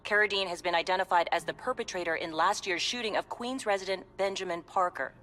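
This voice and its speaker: A woman's voice: on the low side, fast talker, sharp tone. An actress playing a female TV news anchor in a video game, reading the news formally.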